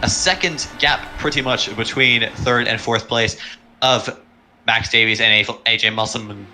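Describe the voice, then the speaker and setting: A man from Canada commentating a sim race, chatty and quick with punning asides. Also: mid-range voice, steady tone, bright, forceful tone.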